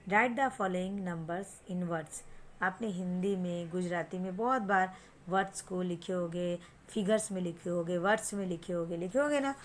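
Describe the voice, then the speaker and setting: A woman's voice: lowish voice, a little hiss or hum. A woman teacher with an Indian accent giving an online lesson to children, patient, repeating things and asking questions back to check understanding.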